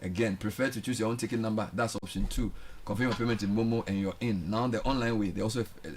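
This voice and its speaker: A man in his forties with a Ghanaian English accent, hosting a breakfast radio show with playful, teasing banter and quick laughs. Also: on the low side, fairly even intonation, slight background noise. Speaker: radio host. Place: radio studio.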